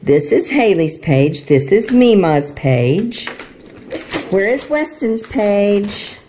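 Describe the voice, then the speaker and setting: Older woman, grandmotherly, encouraging; slow, lively pitch, faint noise behind. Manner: warm, praising, talking to small children. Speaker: grandmother and show host. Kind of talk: casual chat with grandchildren.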